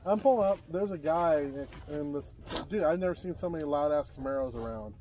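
A man with a somewhat high voice tells stories in an animated, swearing, casual way. He chats with fellow riders outdoors, and a faint hiss of noise sits under his voice. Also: brisk. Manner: animated storytelling, swears freely. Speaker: motorcycle rider. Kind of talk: casual chat.

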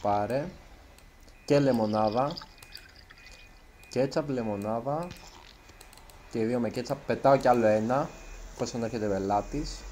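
A man's voice: medium pitch, long pauses, a little mellow, slight background noise. A man giving let's play commentary as a gaming YouTuber, chatty and nervous, tripping over his words now and then. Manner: chatty, self-conscious, trips over words.

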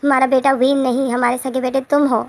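Stern scolding mother, gravelly voice, flat tone, as a woman reads her out in a storybook retelling. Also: sits high, brisk. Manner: scolding, repeats herself. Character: angry mother scolding her grown son.

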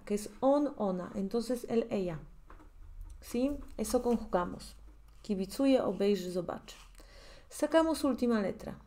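A Polish-accented woman teacher works through grammar out loud, pausing and repeating words as she checks each one. Her voice is mellow and dark in tone, fairly high in pitch, and she talks at a very slow, deliberate pace. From Poland. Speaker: language teacher. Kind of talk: thinking-aloud lesson preparation.

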